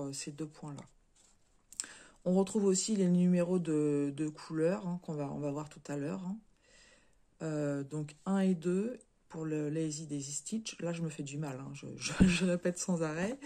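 A woman's voice: on the low side, mellow. A middle-aged woman hosting a casual crafting vlog, hesitant, with many fillers and restarts. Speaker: crafting channel host.

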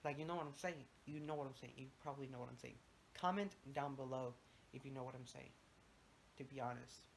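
This young man's voice is gravelly, medium in pitch and a little fast, with a bit of hiss or hum on the recording. He's a Mexican Spanish-accented native Spanish speaker rambling in a casual vlog from his bathroom and bedroom, phone at arm's length, swearing casually and mixing in Spanish words.

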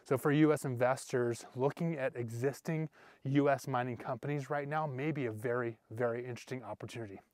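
A man in his thirties talks to the camera outdoors, explaining things earnestly as he walks. His voice sits at an ordinary middle pitch, and the lapel mic keeps it close and dry with no room sound. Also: fairly even intonation, fairly quick, darkish tone, no room sound. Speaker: investing channel host. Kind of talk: walking talking-head vlog. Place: outdoors in a small desert mining town. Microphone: lapel mic, selfie-held camera.

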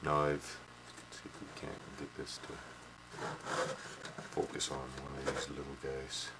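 Very deep-voiced man rambling. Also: completely flat delivery, measured pace, gravelly. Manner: rambling, many fillers and restarts, tags "eh". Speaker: hobby modeler. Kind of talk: casual workshop demo. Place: small indoor workshop. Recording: noisy home camcorder audio.

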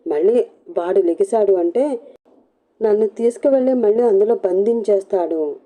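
A woman's voice: mid-range voice, moderate pace, dark tone, natural voice. A woman voicing a scared young woman begging and pleading in a storybook reading. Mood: tearful. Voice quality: pleading, tearful. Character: frightened young woman, begging, fleeing a captor.

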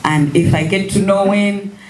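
Woman, thirties, press conference guest, measured speech, roomy echo. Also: medium pitch, steady tone, darkish tone. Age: 30s. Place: large room at a press table. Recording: echoey room, faint noise.

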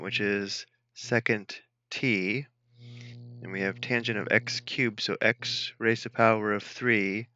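Bright-voiced man dictating tutorial steps. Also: lowish voice, dull audio. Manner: measured, dictating each entry step by step. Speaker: math instructor. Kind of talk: step-by-step screencast tutorial narration.

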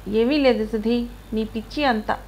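A woman's voice: fairly high pitch, moderate pace, a little mellow, slight background noise, lightly acted. Woman reading a tender young captain. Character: young male army captain, tender bridegroom.

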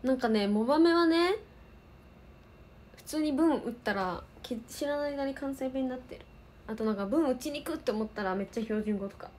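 A woman's voice: high voice, expressive, a little fast, darkish tone, a little hiss or hum. A woman in her twenties from Osaka with a light Kansai accent, chatting casually while answering viewer comments on a livestream. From Osaka, Japan. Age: 20s. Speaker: idol livestream host.

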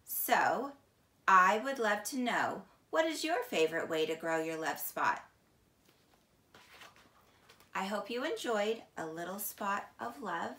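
A camera a few feet away records a middle-aged woman teacher on a couch in a small indoor room as she reads a picture book to children. Unhurried and expressive, she tells the story deliberately in a slightly low, crisp, bright voice that sounds roomy and echoey.

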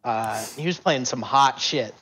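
A man who is a guest on a casual podcast and talks in a relaxed, conversational way, often searching for his words. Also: mid-range voice, unhurried. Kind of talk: casual chat.

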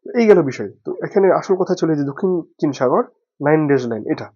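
A man's voice: fairly high pitch, very animated, quick pace, dark tone, husky. A man teaching a geography lesson for exam study from a map, asking questions and answering them himself. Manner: has the listener say names aloud. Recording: dull lo-fi recording.

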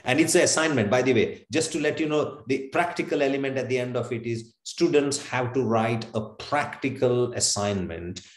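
A man's voice: medium pitch, normal speed, few pauses, echoey room. A man, a business school professor, explaining earnestly over a video call webinar. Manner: earnest, explanatory, repeats himself. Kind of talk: webinar Q&A answer.

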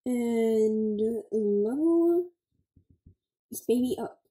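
A woman's voice: fairly high pitch, animated, very slow, warm tone, echoey room, low-quality recording. A young woman, giving chatty, scattered gameplay commentary full of "like" and "okay" as a gaming channel host.

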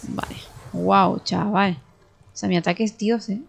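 A young woman with a Spain Spanish accent commentating her own gameplay, excitable, swearing and talking to herself as she plays. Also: medium pitch, unhurried, gravelly, a little hiss or hum. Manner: excitable, swears and talks to herself while playing. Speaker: gaming streamer.

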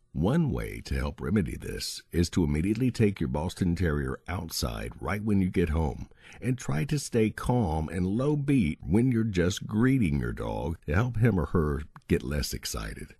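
A man reading a dog-training book aloud as its narrator, in a steady, instructive way. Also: sits low, breathy edge, no room sound, studio quality. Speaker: audiobook narrator.

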